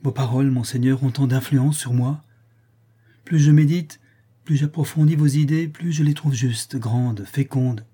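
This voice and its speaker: A man's voice: medium pitch, steady tone, measured pace, warm tone, slightly rough. A man voicing a tender, devout noblewoman in an audiobook reading, speaking with earnest admiration.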